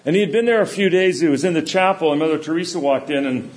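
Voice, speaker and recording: A middle-aged man giving a sermon, telling stories in a relaxed, conversational way. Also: a little high, fast talker. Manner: anecdotal, conversational storytelling. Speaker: preacher. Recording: echoey room.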